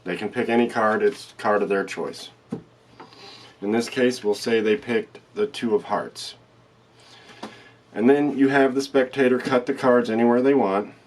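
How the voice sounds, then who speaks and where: A man's voice: lowish voice, a little hiss or hum. A man giving card magician patter, explaining a trick step by step in a plain, instructional way and repeating the steps. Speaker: card trick tutorial presenter.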